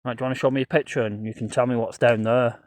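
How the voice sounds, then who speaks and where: A man's voice: mid-range voice, level tone, rapid-fire, no room sound. A man narrating a casual ghost-hunt vlog as a paranormal investigator, musing aloud to himself and to spirits. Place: outdoors on a path at night.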